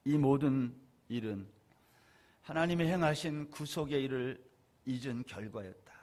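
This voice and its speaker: A man pastor preaching a Sunday sermon, asking the congregation questions and moving between loud stresses and quiet asides. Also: mid-range voice, unhurried.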